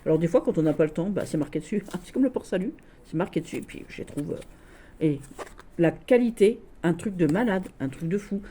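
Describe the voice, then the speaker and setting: A woman chatting casually and affectionately as she shows her tarot decks, often pausing on "voilà". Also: fairly low pitch, lively intonation, dark tone, a little hiss or hum. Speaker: tarot vlogger.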